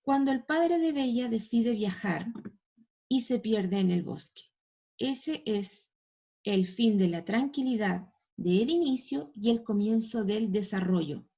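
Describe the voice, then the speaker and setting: A woman's voice: a little high, a little slow, vocal fry, dark tone, slightly rough. A woman teacher giving a recorded language lesson to schoolchildren, explaining step by step and pointing students to images. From Chile.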